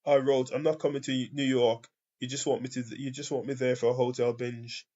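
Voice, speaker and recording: A man's voice: mid-range voice, a little fast, dull audio. A British man, a commentator, reading out trial testimony in a plain voice and reacting to it. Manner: reads transcript flatly, then rants loudly with laughter.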